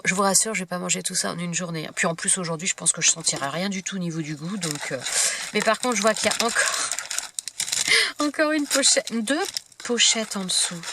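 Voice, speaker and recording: A woman's voice: mid-range voice, recorded from a distance, noisy background. A woman vlogger chatting casually while unboxing gifts. She gushes and uses many fillers, and she talks through a stuffy nose. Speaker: craft vlogger.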